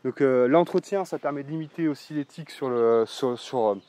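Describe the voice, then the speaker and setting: A man's voice: mid-range voice, fairly quick, warm tone, dry recording. A man giving a casual, salty walk-and-talk vlog outdoors on rural land, talking loosely with many fillers and some swearing, into a mic with a foam windscreen. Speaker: vlogger showing his land.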